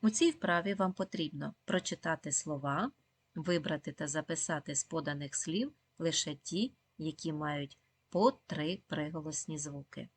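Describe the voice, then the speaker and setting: Low, husky woman teaching young children. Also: no echo. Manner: slow, clear, encouraging, with frequent praise and questions to pupils. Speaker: primary school teacher. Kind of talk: video lesson for second graders.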